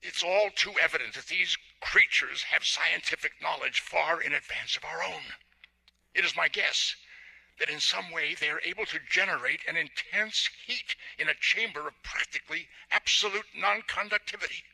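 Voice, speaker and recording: An actor playing a solemn scientist in a 1930s radio drama, pedantic and deliberate, with a raspy voice. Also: male voice, fairly high pitch, sharp tone, full character voice, rough recording. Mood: solemn, pondering.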